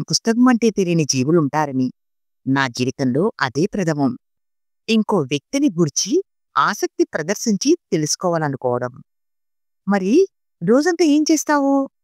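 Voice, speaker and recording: A woman narrating an audiobook story reading in an expressive storytelling manner. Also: sits low, moderate pace, dry recording, clean studio sound.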